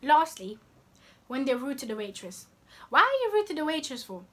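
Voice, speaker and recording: Young woman vlogger, high voice, sassy, playful delivery. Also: very animated, moderate pace. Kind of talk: casual talk to camera.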